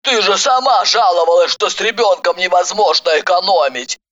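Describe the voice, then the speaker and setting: A woman's voice: fairly low pitch, moderate pace, fairly bright tone, dull audio, close to an everyday voice. A woman voicing a young woman friend who explains herself in a matter-of-fact way. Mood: defensive.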